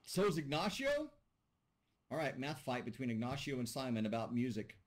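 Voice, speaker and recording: This online class discussion has a man joking with his students and thinking out loud as he teaches over a video call. He sounds very animated at a normal pace with a medium pitch, recorded through a computer mic.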